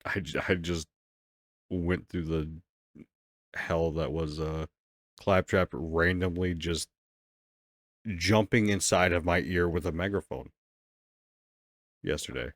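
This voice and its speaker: A man's voice: low voice, fairly even intonation, slow pace, long pauses, no room sound. A man co-hosting a podcast in loose, casual chat, swearing freely and rambling. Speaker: podcast co-host.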